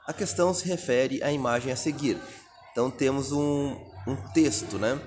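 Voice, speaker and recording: A man's voice: mid-range voice, normal speed, darkish tone, a little hiss or hum. A Brazilian man teaching a recorded exam-prep lesson, reading out answer options and explaining each one step by step. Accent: Brazilian Portuguese.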